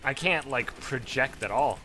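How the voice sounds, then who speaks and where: A man's voice: mid-range voice, measured pace, pushed and bright, a little hiss or hum. Crude rambling gamer guy, strained voice. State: strained, failing voice. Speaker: gameplay commentator. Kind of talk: casual gameplay commentary.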